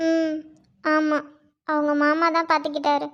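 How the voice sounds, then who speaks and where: A woman voicing a young best friend in a cartoon, chatty and quick with retorts. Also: sits high, completely flat delivery, a bit bright, soft background music. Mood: telling. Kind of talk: Tamil cartoon voice acting. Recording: dull lo-fi audio.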